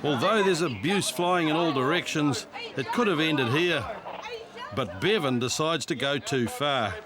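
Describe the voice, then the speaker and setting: A man's voice: fairly high pitch, expressive, unhurried, over a noisy crowd. New Zealand male narrator over street noise. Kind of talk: scripted reality TV narration. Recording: street and traffic noise behind.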